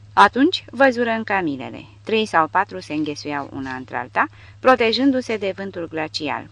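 A woman reads an audiobook aloud in an expressive, varied way. Her voice sits low but moves a lot in pitch, and the close recording is dry with no room sound. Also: dry recording. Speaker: audiobook narrator. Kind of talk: scripted narration.

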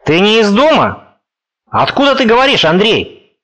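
A male audiobook reader voicing a fussy, anxious elderly professor who asks drawn-out, nervous questions. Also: high-pitched, wildly swooping pitch, a bit bright, exaggerated voice. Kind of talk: audiobook character reading.

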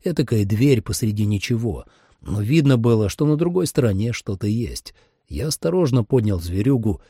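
Male audiobook narrator, lively first-person action read, dark husky voice, dry close sound. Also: on the low side, no echo. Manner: expressive, dramatic.

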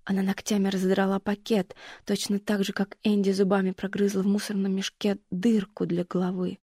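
A woman narrating an audiobook in an even, measured reading. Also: medium pitch, no room sound, clean studio sound.

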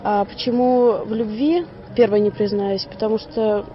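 A woman's voice: medium pitch, fairly even intonation, moderate pace. Woman, plain voice, honest answers in a street interview, dull audio. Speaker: passer-by interviewee.

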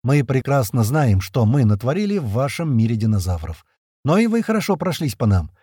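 A man reads a composed colonel from another world who pleads his case calmly. The husky voice stays warm and dry, and its pitch moves lively as he argues. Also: dry recording. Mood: calm, persuasive. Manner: measured, persuasive, level-headed.

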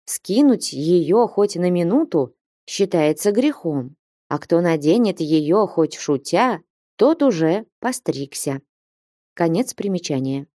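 Woman, audiobook narration, expressive, lively pitch, mellow tone. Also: slow, no echo, clean studio sound.

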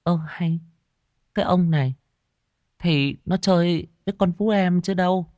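A man putting on the high voice of a fretful older wife in a spoken ghost story. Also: a little slow, a little mellow, dry recording, studio quality. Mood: chiding. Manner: high-pitched, pleading then chiding.

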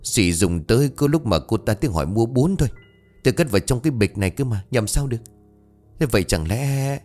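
A man doing a hushed, worried village wife. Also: mid-range voice, lively intonation, fairly quick, faint music behind, lightly acted. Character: frightened hushed village wife selling noodles.

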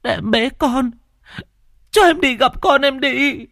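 A man's voice: very high voice, normal speed, bright, forceful tone, no echo, clean studio sound, voice pushed up, full character voice. A man voicing a grief-stricken young mother who croons to her lost baby and pleads frantically. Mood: frantic. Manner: crooning, then wailing and pleading.

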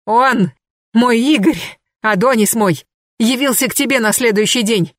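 A woman voicing a shrill, frantic jealous woman. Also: unhurried, no room sound, studio quality, natural voice. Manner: frantic, shrill, hurled outbursts. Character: hysterical jealous woman with a hoe.

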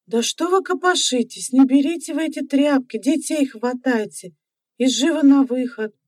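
A woman voicing a bossy middle-aged village woman who shouts orders at her neighbours. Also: high voice, normal speed, dry recording, clean studio sound, pitched above the performer's own voice, close to an everyday voice. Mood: urgent bossy.

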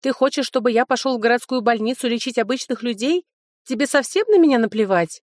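A woman's voice: a little high, quick pace, a little mellow, no room sound, clean studio sound, voice pushed up, close to an everyday voice. A woman reading an audiobook, voicing a sly, self-serving young man, a former fiancé. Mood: pleading threat.

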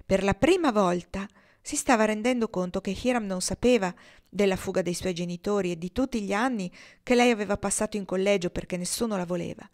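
Brief: woman audiobook reader, mid-pitched, measured and expressive narration.

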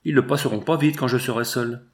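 A man's voice: mid-range voice, fast, close to an everyday voice. A man voicing an anxious young girl who pleads and asks fearful questions in an audiobook. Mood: pleading.

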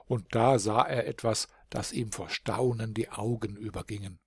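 A man reading a fairy tale aloud as an audiobook narrator, in a calm, measured storytelling manner. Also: on the low side, husky, no room sound, studio quality. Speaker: audiobook reader.

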